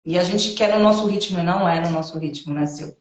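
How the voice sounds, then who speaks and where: A woman's voice: on the low side, fast talker, a little mellow. A Brazilian woman hosting a podcast in Portuguese, talking in a chatty, affirming way. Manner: chatty, affirming, often asks "né?". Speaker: podcast host. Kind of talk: casual conversation. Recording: roomy echo.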